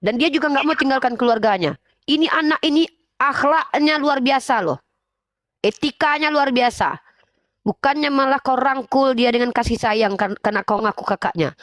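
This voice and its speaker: A stern woman preacher scolds in a live-stream lecture and hammers her accusations home again and again. Her voice sits fairly high and sounds dry and close, with almost no room echo. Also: normal speed, fairly bright tone. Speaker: livestream Islamic preacher and host.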